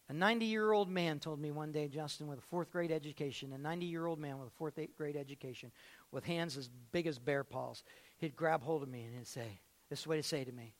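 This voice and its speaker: A man preaching a sermon as pastor in a church, emphatic and repeating phrases, with joking asides. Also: fairly high pitch. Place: church sanctuary.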